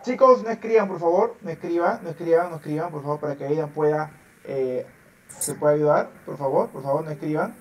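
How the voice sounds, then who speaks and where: A man's voice: a little high, a little fast, recorded from a distance, poor audio. A man teaching an online English class, patiently repeating words and phrases over and over for his pupils. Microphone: video call.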